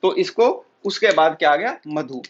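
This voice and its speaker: High-voiced man teaching an exam lecture. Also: lively intonation, dull audio. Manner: explains slowly, asks and answers his own questions; many pauses and filler sounds. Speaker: Ayurveda teacher. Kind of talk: recorded exam-prep lecture.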